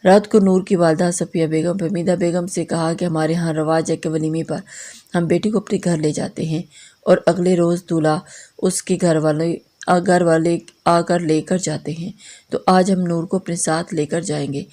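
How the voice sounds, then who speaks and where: A woman reading a romance novel aloud as narrator, steady with small slips and restarts. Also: lowish voice.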